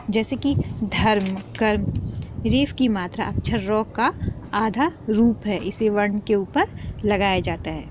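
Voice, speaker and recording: A woman teaching parents a spelling lesson, speaking slowly and patiently and repeating each sound. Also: medium pitch, a little mellow. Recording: dull lo-fi with faint noise.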